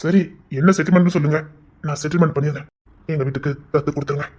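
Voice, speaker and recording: A man's voice: fairly high pitch, steady tone, very fast, a little mellow, close to an everyday voice. A man voicing a domineering young man from a gangster family who insists on marrying a girl. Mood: insistent. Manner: commanding, insistent. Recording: dull lo-fi audio.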